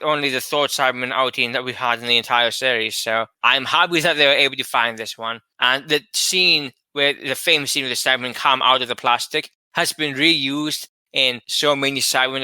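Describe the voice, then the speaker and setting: Bright-voiced, chatty man. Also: mid-range voice, clean tone, dry recording. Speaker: podcast co-host. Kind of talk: casual chat.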